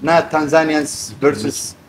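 A man's voice: fairly high pitch, flat delivery, slow pace, crowd noise. A middle-aged man from Eritrea, a lounge owner giving earnest, rallying remarks at a press event. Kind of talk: impassioned speech-like remarks. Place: indoor lounge on a sofa. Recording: noisy room recording.

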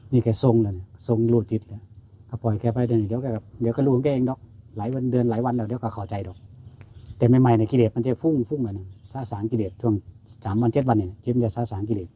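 Man, Buddhist monk, husky voice, coaxing repetitive meditation guidance, dull lo-fi recording. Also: mid-range voice. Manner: coaxing, repetitive, urges and affirms. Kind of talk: guiding a meditation session.

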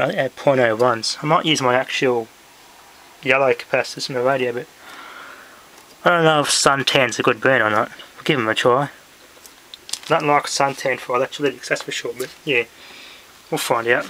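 A man with a medium-pitched, pushed and bright voice talks at a normal pace with long pauses, casually thinking aloud as he demonstrates a hands-on hobby. He's filmed indoors in a room at home on a handheld camera or phone, and the home video is noisy, with clicks.

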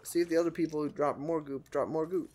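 A man's voice: a little high, steady tone, quick pace, darkish tone, a little hiss or hum. A man co-hosting a let's play in casual commentary, laid-back as he guides the play. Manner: laid-back, gives game directions.

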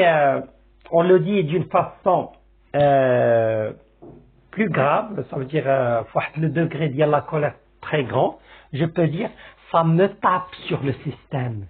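A man with a Moroccan accent teaching a French lesson, explaining slowly and repeating examples, often checking that his listeners follow. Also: on the high side, lively intonation. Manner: slow, repetitive classroom explaining with checks like "c'est bon?". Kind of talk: language lesson. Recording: tinny phone-like sound.

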